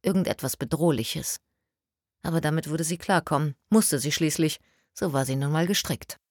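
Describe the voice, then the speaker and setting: A woman narrating an audiobook in a calm, even storytelling manner on a close microphone. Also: low-pitched, normal speed, no room sound.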